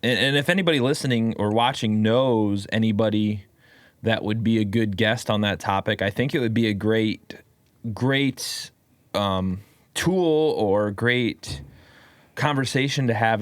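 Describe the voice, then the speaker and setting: A man co-hosting a podcast in casual chat, halting and repeating words as he thinks. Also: on the low side, dry recording. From United States. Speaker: podcast co-host.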